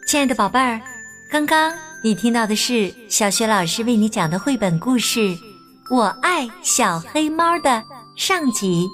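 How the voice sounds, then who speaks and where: A woman storyteller gently and expressively reading a picture book aloud to children. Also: on the high side, animated, moderate pace, soft background music.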